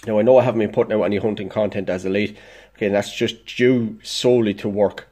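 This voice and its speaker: A man's voice: lowish voice, fairly even intonation, fast talker, dark tone. A congested man in an indoor workshop, casually explaining a DIY fix at his workbench in a blunt, plain-spoken way with the odd swear. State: congested, dosed up with illness. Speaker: DIY vlogger.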